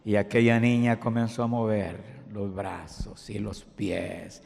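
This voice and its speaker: A male pastor preaching a dramatic sermon, dropping to a hush and then rising to shouts. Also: lowish voice, little pitch movement, slow pace, creaky. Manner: dramatic, swings from hushed to shouting. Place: church. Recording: long church reverb.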